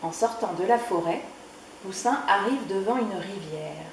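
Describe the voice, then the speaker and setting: Slow storytelling woman, echoey room. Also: medium pitch, lively intonation, slight background noise. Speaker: librarian reading to children. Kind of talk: children's storybook reading.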